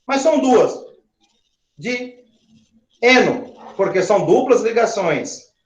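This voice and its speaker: Male chemistry teacher, high voice, unhurried delivery; questions the class, drags out each syllable; roomy, dull-sounding classroom recording. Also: sing-song. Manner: slow, spelling out syllables and counting aloud. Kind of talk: classroom lecture.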